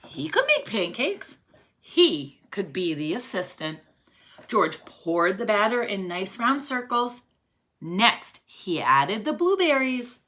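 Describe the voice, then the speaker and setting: A teacher with a medium-pitched, sharp-toned voice reads a picture book aloud to young children. She reads expressively, often asking them questions and counting along.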